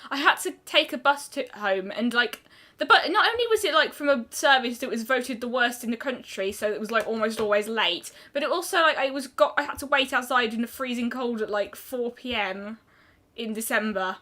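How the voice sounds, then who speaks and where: A young British woman streamer chatting casually while drawing, rambling with quick restarts. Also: fairly high pitch, pushed and bright.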